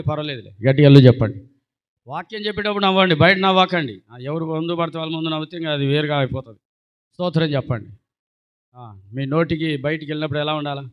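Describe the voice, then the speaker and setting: A man preaching a sermon as pastor, exhorting his congregation and calling out for hallelujahs, swinging between loud preaching and quiet asides. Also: on the high side, clear, resonant tone, dull audio. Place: church sanctuary.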